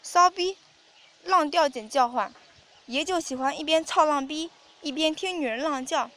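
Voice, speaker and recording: A crude, domineering man, voiced by a woman narrator who lowers her voice a little, barks loud, coarse commands. This is a storybook-style audio drama read aloud. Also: moderate pace. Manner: loud, coarse barking orders.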